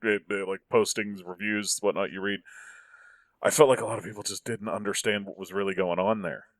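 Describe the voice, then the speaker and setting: Male podcast host, low voice, dry close sound, earnest arguer. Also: fairly even intonation, fairly quick, dry recording. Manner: earnest, builds arguments, frequent restarts. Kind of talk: casual podcast chat.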